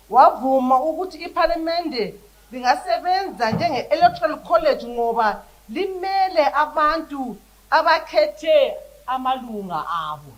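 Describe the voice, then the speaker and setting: Woman, Zimbabwean Ndebele accent, high-pitched voice, member of parliament, debate speech, halting delivery. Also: low-quality recording.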